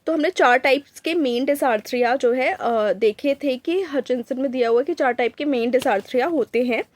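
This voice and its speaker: Woman doctor, teaching in a high voice, unhurried and full of fillers, dry close sound. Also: a little mellow, no echo. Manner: mixes Hindi and English, slows down to read English textbook lines; frequent hesitation fillers. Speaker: doctor teaching clinical examination. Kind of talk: lecture video.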